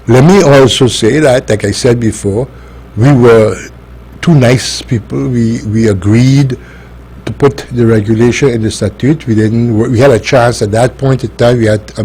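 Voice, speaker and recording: A man's voice: medium pitch, a little mellow, breathy edge. A man with an Aruban accent giving opinionated political commentary on a talk show, speaking emphatically and arguing with rhetorical questions.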